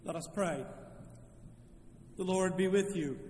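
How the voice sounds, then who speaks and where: A man's voice: high voice, slow, a little mellow, a little hiss or hum. Solemn man with cathedral echo. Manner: solemn, chanting liturgy. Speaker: pastor. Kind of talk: liturgical prayer. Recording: long church reverb, faint ambience.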